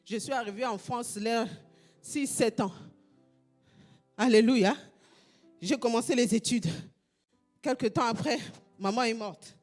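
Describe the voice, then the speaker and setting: Woman pastor from Congo, fervent preacher, high voice, repeats lines in half-sung shouts. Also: unhurried, pauses often, faint music behind. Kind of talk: sermon.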